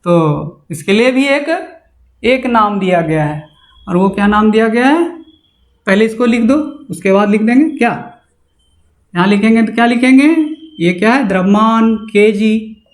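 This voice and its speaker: A man's voice: sits high, moderate pace. A male physics teacher lectures at a board. He keeps firing rhetorical questions at his students and answers them himself. His voice rings in an echoey classroom. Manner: drilling with constant rhetorical questions.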